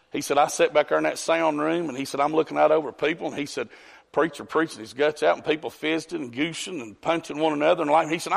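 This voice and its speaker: A gravelly, higher-leaning male voice belongs to a pastor telling stories in a homespun sermon, naming members of the congregation as he goes. The sanctuary's long reverb fills the recording.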